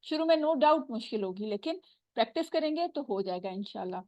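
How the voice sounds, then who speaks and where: A woman teaching Quran recitation, patiently explaining and slowly repeating sounds to demonstrate them. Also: fairly high pitch, animated, mellow, no echo, muffled recording. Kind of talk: tajweed lesson.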